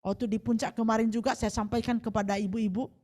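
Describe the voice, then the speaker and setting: A woman preaching a sermon, moving from soft pleading lines to loud proclaiming ones. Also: on the high side, little pitch movement, fast talker.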